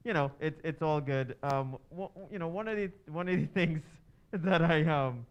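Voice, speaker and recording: Hesitant man, smooth voice. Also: on the high side, muffled recording. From Trinidad and Tobago. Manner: halting, many fillers and restarts. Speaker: workshop participant. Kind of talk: church workshop discussion.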